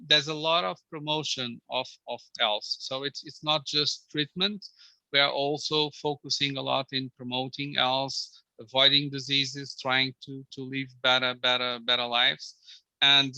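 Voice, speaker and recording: A male doctor speaking on a webinar panel, halting and repeating words as he talks over a video call. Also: medium pitch, gravelly, pushed and bright, dry recording, lo-fi sound.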